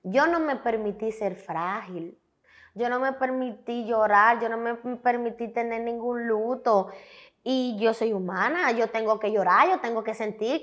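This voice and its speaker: A young woman with a Dominican Spanish accent, a guest telling her story in a candid, emphatic, animated way. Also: on the high side. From Dominican Republic. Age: young adult. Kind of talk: candid interview talk.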